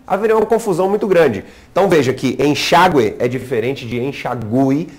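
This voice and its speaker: A man's voice: medium pitch, a little mellow. A man, teaching a grammar lesson in an explanatory way, asking rhetorical questions and checking in with the viewer. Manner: didactic, asks rhetorical questions and leans on "né".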